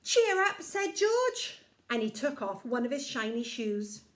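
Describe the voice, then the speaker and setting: Kids show host lady doing storytime, unhurried, sing-song, really high voice. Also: sing-song. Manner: sing-song, exaggerated and encouraging, addressing children directly. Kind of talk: reading a picture book to children, kids show host.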